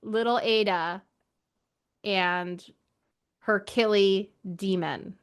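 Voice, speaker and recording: A woman's voice: mid-range voice, fairly even intonation, extremely slow, clear, resonant tone. A woman co-hosting a book podcast, talking in a playful, upbeat way and laughing at her own jokes. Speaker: podcast co-host. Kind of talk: casual book podcast chat.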